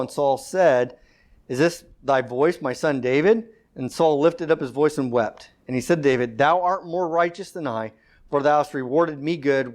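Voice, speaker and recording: A man teaching an informal Bible study, reading scripture aloud and explaining it in a conversational way, with fillers and self-corrections. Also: fairly high pitch.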